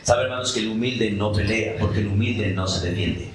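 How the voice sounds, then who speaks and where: A male pastor preaching a sermon, animated, asking the congregation questions and acting out short dialogues. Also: on the low side, brisk, roomy sound, low-quality recording. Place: church.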